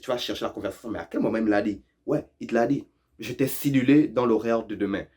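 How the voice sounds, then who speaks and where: A man's voice: fairly low pitch, fast talker, warm tone. Playful man teaching slang, laughing often. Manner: playful, laughs often, teases viewers, repeats phrases. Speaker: YouTube host explaining Quebec French expressions. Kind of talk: casual lesson.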